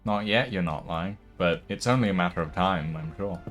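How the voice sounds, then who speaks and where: A man's voice: low-pitched, normal speed, fairly bright tone, faint music behind. A man chatting casually over a game in a teasing way. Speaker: gaming co-player. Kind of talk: casual chat while gaming.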